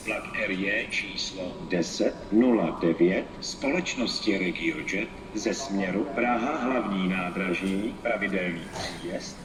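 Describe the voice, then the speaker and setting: A man reading formal railway station announcements in measured, segmented scripted phrases. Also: fairly low pitch. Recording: noisy, distant station public-address recording. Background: station ambience noise.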